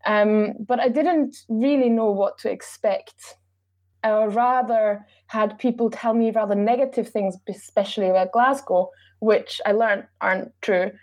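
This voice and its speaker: A woman's voice: mid-range voice, a little slow. Austrian woman, 30s, chatting easy in an interview, lots of ums. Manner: relaxed, chatty, with filler ums. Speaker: travel blogger and podcast guest. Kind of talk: casual interview answers.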